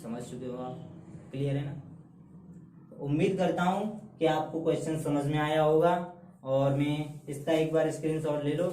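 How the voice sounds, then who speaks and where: Emphatic Hindi-speaking math teacher, echoey room. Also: male voice, steady tone, normal speed, warm tone, recorded from a distance. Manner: emphatic, repeats key answers in a low drop; calls students beta, mocks shortcut tricks. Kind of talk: blackboard math lesson.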